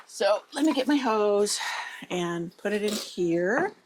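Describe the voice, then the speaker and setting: This gardening vlogger speaks at a medium pitch with lively intonation, taking her time, though the audio is poor and carries slight background noise. Braces make her S sounds slurred and lisping as she rambles casually to viewers, thinking aloud and sometimes reading plant details.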